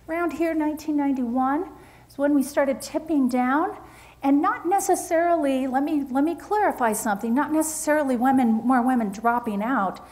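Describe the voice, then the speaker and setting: A woman presenting research at a forum, talking through slides in an animated, emphatic way with frequent restarts. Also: sits high. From Utah.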